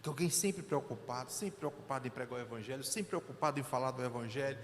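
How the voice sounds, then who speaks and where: Pastor preaching in a reverberant hall. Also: male voice, mid-range voice, quick pace, slight background noise. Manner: earnest, emotional storytelling. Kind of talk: sermon with personal testimony. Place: church sanctuary.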